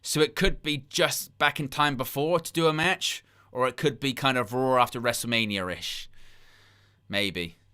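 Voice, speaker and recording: The host of this live wrestling watchalong speaks at a measured pace in a smooth, mid-range voice that sounds pushed and bright. He wanders through incredulous side remarks, reads the chat aloud, and keeps plugging for likes.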